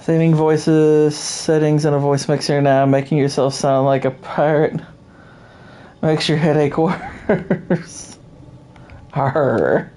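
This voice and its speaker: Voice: medium pitch, level tone, measured pace, mellow, clean tone. A gamer giving dry, understated commentary while playing a video game. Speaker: let's play gamer. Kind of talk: casual gameplay commentary.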